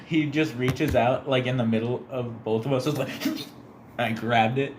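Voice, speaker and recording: A young man co-hosting a casual podcast, telling stories animatedly and acting out quotes in a squeaky high voice. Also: steady tone, measured pace, heavy background noise. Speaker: podcast co-host. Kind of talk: casual chat.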